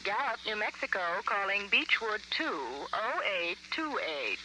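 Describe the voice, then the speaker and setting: A courteous, measured telephone operator speaks to the caller over a payphone line in a vintage radio play. Her pitch moves in a lively way as she recites the routine phrases. Steady hiss runs under the old 1940s broadcast recording. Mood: businesslike. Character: polite, businesslike female telephone operator. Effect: heard over a payphone line. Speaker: long-distance telephone operator. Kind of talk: 1940s radio drama acting.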